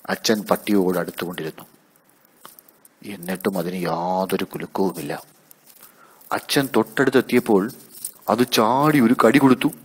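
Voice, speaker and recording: A man narrating a children's story in a measured, calm reading voice. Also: lowish voice, breathy edge.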